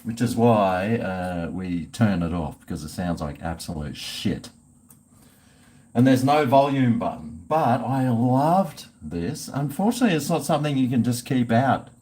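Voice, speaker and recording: A man's voice: mid-range voice, lively intonation, measured pace, mellow. A man with an Australian accent chatting casually on a livestream, rambling and swearing in a blokey way. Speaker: live streamer chatting with viewers.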